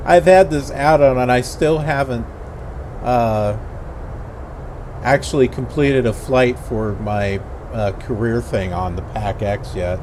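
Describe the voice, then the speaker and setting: A man's voice: medium pitch, takes it slowly. A man giving casual gaming commentary as he plays a flight simulator. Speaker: flight sim player. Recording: clear aircraft noise behind voice.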